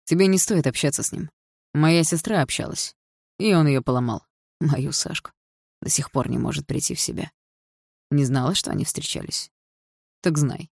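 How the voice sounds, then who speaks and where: A woman's voice: sits low, moderate pace, creaky, pauses often, a little mellow, slightly rough, no echo, clean studio sound, full character voice. A woman reading an audiobook, voicing an arrogant young man who sneers through gritted teeth. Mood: bitter.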